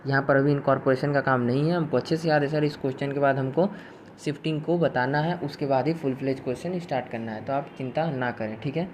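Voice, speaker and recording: A man's voice: mid-range voice, fast, slight background noise. A man teaching a recorded accounting lecture in a chatty way, mixing in English terms and answering imagined questions from students.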